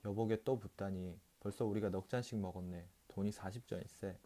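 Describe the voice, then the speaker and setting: A man's voice: on the low side, fairly even intonation, fairly quick, mellow, natural voice. A man reading the lines of a sober friend who warns his drunken companion, in an audiobook. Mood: cautioning. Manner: mild, warning. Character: cautious sober male drinking companion.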